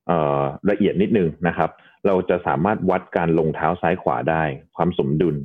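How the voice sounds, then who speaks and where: A man with a very deep voice speaks as a doctor guest on a podcast. He explains injuries patiently, one step at a time, with polite softeners. His voice comes through a thin, phone-like line. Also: fairly even intonation, a little fast.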